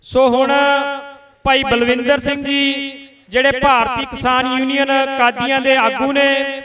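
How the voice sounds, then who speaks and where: A man's voice: very high-pitched, level tone, measured pace, recorded from a distance, a crowd in the background. A man announcing groups and speakers at a rally stage in a formal, courteous way.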